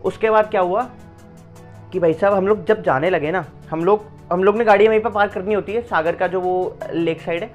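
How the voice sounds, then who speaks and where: A man's voice: high voice, brisk, highs cut off, soft background music. Young man telling a story casually. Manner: animated, slangy and conversational, with many fillers and asides. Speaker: vlogger.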